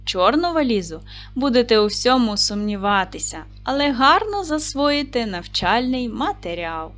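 Lively woman teacher over soft music. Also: a little high, normal speed. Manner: clear, patient teacher's address to children. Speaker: primary school teacher. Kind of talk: recorded video lesson for children.

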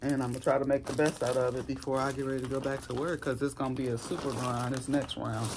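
Hoarse woman in her forties, chatty haul vlogger who rambles from topic to topic. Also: very deep voice, little pitch movement, fast, background noise. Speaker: YouTuber. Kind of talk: casual haul vlog.

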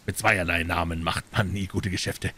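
A shrewd detective speaks calmly and kindly in a low, hushed voice, as a male audiobook reader plays him. He sounds measured and sure of himself throughout. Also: slight background noise. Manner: calm, friendly, measured.

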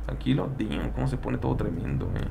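A man with a Mexican accent giving playful, joking let's play commentary, talking straight to his viewers with sudden loud outbursts. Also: medium pitch, very animated, fairly quick, vocal fry, background noise. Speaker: gamer.

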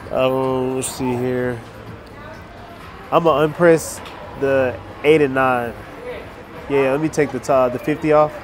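A man's voice: medium pitch, fairly even intonation, takes it slowly, pauses often, slight background noise. A man chatting casually as he plays craps, repeating short rooting phrases and counting chips aloud. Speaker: craps player. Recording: music behind the voice.

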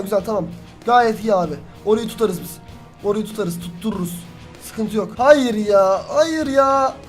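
A young man giving live commentary on a team battle game, excitable, cursing and shouting at his teammates. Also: very high-pitched. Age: young adult. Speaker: gaming youtuber.

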